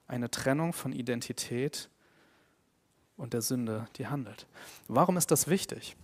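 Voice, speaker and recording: A man preaching a sermon in an earnest tone, growing emphatic on his main points and dropping quiet and slow on key phrases. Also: medium pitch. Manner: earnest, grows emphatic and louder when stressing points.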